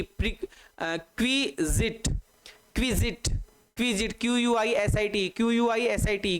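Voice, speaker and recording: A man with an Indian accent gives an online English vocabulary lesson in Hindi, repeating each word many times and spelling it letter by letter. He drills students to say the words aloud. His voice is high with a clean tone.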